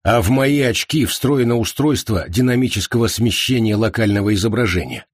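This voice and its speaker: A man voicing a calm, broad-shouldered man who speaks unhurried and slightly haughty. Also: on the low side, dry recording, clean studio sound, close to an everyday voice. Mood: cool.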